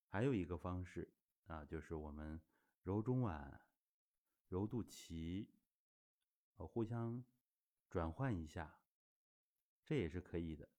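Very low, mellow-voiced male instructor. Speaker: health exercise instructor. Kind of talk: spoken teaching talk.

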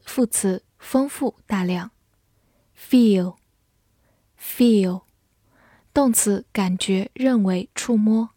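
Slow, mellow-voiced woman teacher. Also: a little high, no echo, clean studio sound. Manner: says each word twice, then reads meanings calmly. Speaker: English teacher. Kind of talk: slow vocabulary drill.

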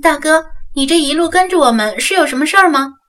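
A woman's voice: high-pitched, expressive, normal speed, pushed and bright, far from the mic, pitched above the performer's own voice. A woman voicing a young female street scammer who pleads in an ingratiating, wheedling way, in an audiobook. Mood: probing. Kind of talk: audiobook character voice.

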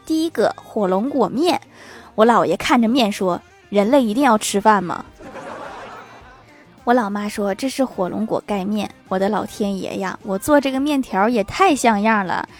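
A woman narrating short funny anecdotes with deadpan punchlines and wry laughs. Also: medium pitch, moderate pace. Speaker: comedic storyteller. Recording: music bed underneath.

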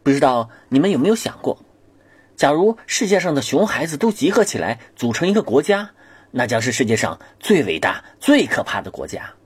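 Guy doing a mock-serious comedy monologue, really animated up-and-down delivery, dry close mic. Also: mid-range voice, fairly quick, slightly rough, dry recording. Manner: mock-serious, exaggerated storytelling. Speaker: comedic narrator.

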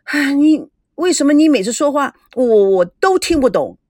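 A woman's voice: high-pitched, sing-song, moderate pace, darkish tone, no echo, studio quality, voice pushed up. A woman voicing a bubbly, naive young woman. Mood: bubbly puzzled. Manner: bubbly, stammering questions. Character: naive chatty young woman, easily puzzled.

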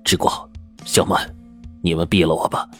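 A man playing a scheming, middle-aged male intelligence chief in a spoken story, with a low, husky voice. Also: little pitch movement, normal speed, a bit bright, faint music behind. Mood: pleading. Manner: urgent, pleading then cold.

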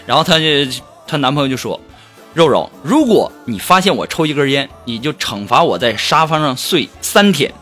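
A male host of a radio comedy show, telling comic stories in an animated, exaggerated way and laughing along. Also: mid-range voice, normal speed, soft background music. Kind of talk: comic storytelling.

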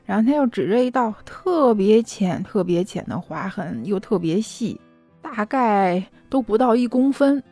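A young adult woman casually telling a personal story in a chatty, lively way. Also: a little high, unhurried, soft background music. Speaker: vlogger.

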